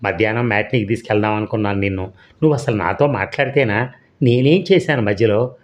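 A man's voice: lowish voice, fast, lightly acted. A man reading a remorseful, hot-tempered husband. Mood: coaxing. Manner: coaxing, then regretful and pleading. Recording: dull lo-fi recording.

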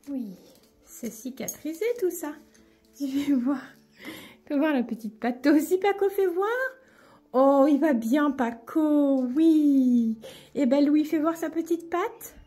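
Woman pet owner, high and slow-spoken, gentle cooing baby talk, phone mic, faint music behind. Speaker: pet owner filming her pets. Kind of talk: casual vlog, talking to her pets. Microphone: phone held in hand.

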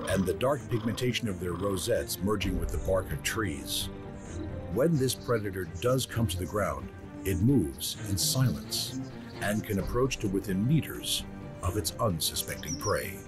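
Low-pitched man narrating a nature documentary. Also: animated. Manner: measured, descriptive nature-documentary delivery. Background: music.

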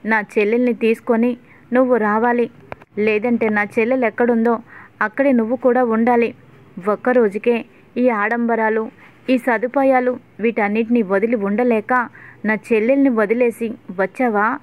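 A woman's voice: on the high side, steady tone, normal speed, natural voice. Woman reading as a stern protective older sister. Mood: firm. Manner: firm, confronting. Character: stern young woman defending her younger sister. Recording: tinny phone-like audio.

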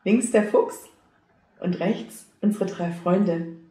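Woman reading a children's story, slow, gentle, roomy echo. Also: fairly low pitch, steady tone.

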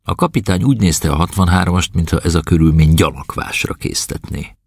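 Deep gravelly man reading an audiobook. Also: no room sound, clean studio sound. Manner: expressive, dramatic storytelling. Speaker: audiobook narrator.

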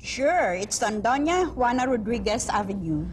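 A woman's voice: on the high side, animated, moderate pace, a little hiss or hum, natural voice. A woman playing a helpful friend giving directions in a scripted listening-test dialogue. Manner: clear, helpful, explanatory.

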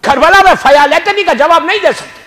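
Fervent high-voiced male preacher. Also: animated, a little fast, fairly bright tone, big-room sound. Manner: fervent, exhorting, often raising his voice. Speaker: Shia cleric preaching a majlis. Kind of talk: sermon. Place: large imambargah prayer hall.

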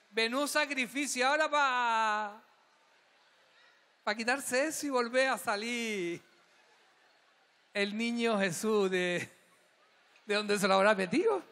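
A man's voice: very high-pitched, pushed and bright. A man hosting a live gala, joking and teasing the audience in a camp way. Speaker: gala host. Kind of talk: live stage banter with the audience. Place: large hall at a live gala. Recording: echoing hall, crowd noise.

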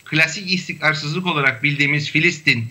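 A man speaking as an academic guest on a remote panel discussion, measured and hesitant, with frequent fillers. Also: on the high side, sharp tone.

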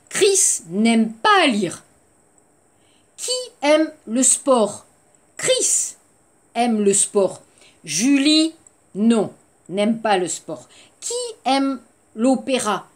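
Woman teaching french slowly, slightly high voice, repeats stuff and adds korean words. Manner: slow, repeats words, mixes in Korean glosses. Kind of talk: language lesson for Korean learners.

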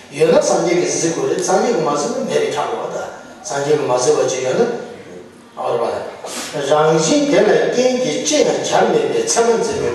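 A man's voice: fairly high pitch, a little mellow. Male lama teacher, loose and chuckling, heard from afar in a reverberant hall with faint room noise. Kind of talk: religious teaching. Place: large monastery teaching hall. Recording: echoey hall from far off.

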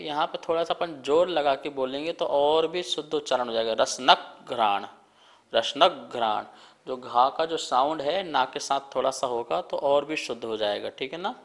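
A man leading a televised scripture lesson, calmly explaining and drilling careful pronunciation. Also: a little high. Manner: leads call-and-response recitation. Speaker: religious teacher leading a scripture class.

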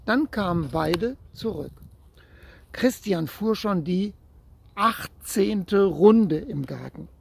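A man reading a children's story aloud in a gentle way, speaking straight to the child listening, with a husky voice. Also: high-pitched, expressive, slow, a little hiss or hum.

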